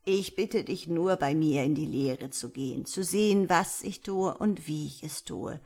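A woman voicing a kindly old village elder woman who speaks in a calm, solemn way, in a storybook reading. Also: low voice, unhurried, husky, heavily acted.

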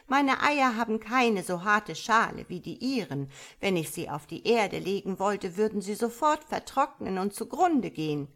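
In a storybook reading, a woman voices a big, gloomy, touchy male frog, pitching her mid-range voice above her own natural one. She's very animated and fairly bright in tone, moving at a moderate pace with hardly any pauses. The frog sounds glum and croaky, grumbling and complaining while interjecting quacks.

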